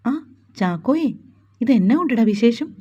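A woman's voice: on the high side, expressive, a little slow, dark tone, breathy edge, dull audio. A woman voicing a cheerful, teasing young man, chatting with an old friend. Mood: chatty.

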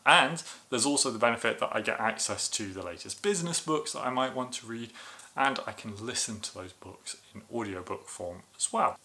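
Bright-voiced man reviewing to camera. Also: mid-range voice, expressive, normal speed. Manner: enthusiastic, explanatory. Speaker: video reviewer.

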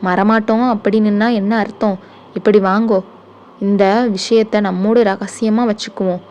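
A woman voicing a stern, proud older brother who scolds and gives gruff orders, in an audiobook reading. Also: medium pitch, level tone, normal speed, darkish tone, muffled recording, natural voice. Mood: scolding.

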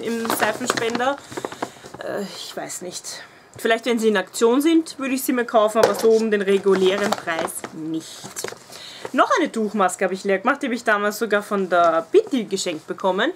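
Laughing a lot, a Viennese-accented woman in her twenties chats casually from a small room at home, reviewing beauty products she has finished as a vlogger. Her mid-range voice comes with a little hiss or hum.

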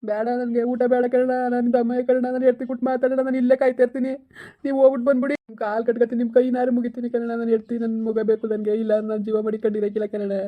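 A man's voice: very high voice, monotone, very fast. A man playing a desperate husband who tearfully begs to get his wife back, speaking. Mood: begging, tearful. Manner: pleading, tearful, repetitive. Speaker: estranged husband in a village comedy skit. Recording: tinny phone-like sound.

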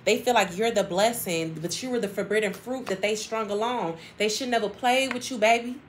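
A tarot reader speaks to her viewers in a mid-range voice, fairly quickly, over a faint hiss or hum. Her casual reading is chatty and emphatic, full of repeated phrases and frequent laughter.

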